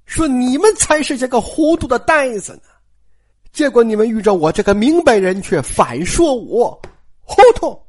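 A woman's voice: on the high side, lively intonation, moderate pace, a little mellow. A woman storyteller voicing a proud, stubborn young noble girl in a cold, aloof manner.

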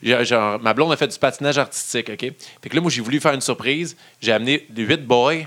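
A man's voice: mid-range voice, fairly quick. A young man with a Québécois French accent, animatedly telling stories as a guest. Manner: animated, acts out quotes. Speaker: wrestling fan guest. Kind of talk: casual storytelling.

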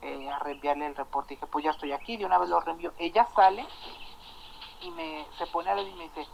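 A man with a Mexican accent telling a story in casual chat, animated and swearing, acting out the dialogue. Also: fairly high pitch, brisk, vocal fry, a little hiss or hum, poor audio.

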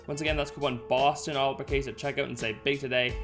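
A man's voice: mid-range voice, steady tone, quick pace, music in the background. A man, a podcast host, delivering a scripted hard-sell sponsor ad.

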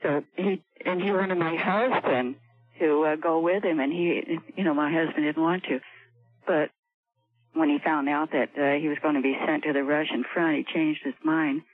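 An older woman calling in to a radio show over the phone, speaking softly and hesitantly. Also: low-pitched, steady tone, normal speed, no room sound. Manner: soft-spoken, hesitant. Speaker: caller. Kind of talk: call-in radio talk. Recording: tinny phone line, dry.

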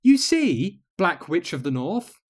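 A man voicing a serene, dreamy witch who speaks slowly and calmly. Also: high voice, voice pushed up, exaggerated voice. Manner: slow, soft-spoken, serene.

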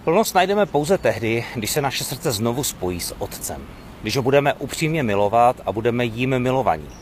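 A man giving a devotional sermon and reading scripture aloud in an earnest, measured way. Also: mid-range voice, a little hiss or hum. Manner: earnest, measured reading with lively rises and falls. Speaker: preacher.

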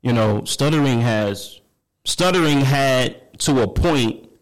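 A man's voice: medium pitch, expressive, slow pace, poor audio. A man who stutters, giving a personal motivational talk, repeating words and restarting phrases with a constant "you know what I mean".

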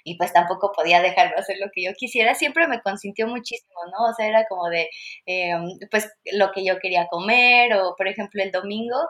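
A young woman talking casually with a friend. She is easygoing and thoughtful, often pausing on small fillers as she finds her words. Her pitch is in a middle range for a woman. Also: fairly bright tone. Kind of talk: casual chat.

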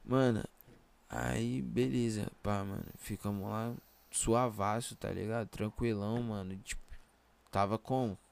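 A man's voice: lowish voice, animated, a little slow, vocal fry, a little mellow, clean tone. A young man with a Brazilian Portuguese accent telling anecdotes in casual, slangy chat full of verbal tags. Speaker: rapper, podcast guest.

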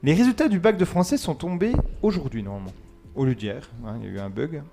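A man with a somewhat high voice runs a casual quiz segment on the radio. He reads each question and its lettered answers, counts down from three, then chats loosely with his co-hosts about the results. Soft music plays faintly behind him. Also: animated, fast talker, creaky. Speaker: quiz host.

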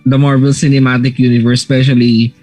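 Male host, mid-pitched voice, easygoing casual chat, faint background music. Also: flat delivery, brisk, a little mellow. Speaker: podcast host.

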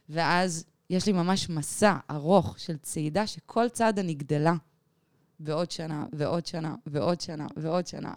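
A woman in her thirties, a podcast guest, telling a personal story in an animated, rambling way full of fillers. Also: fairly low pitch, clean tone, no echo, clean studio sound. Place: podcast studio.

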